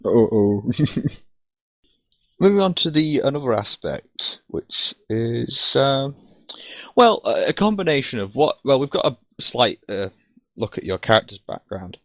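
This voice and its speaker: A man's voice: mid-range voice, sing-song, a little slow, no echo. A man in his twenties hosting a podcast, asking questions hesitantly, restarting and laughing easily. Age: 20s. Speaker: host. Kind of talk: casual podcast interview. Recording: dry, dull lo-fi voice chat audio.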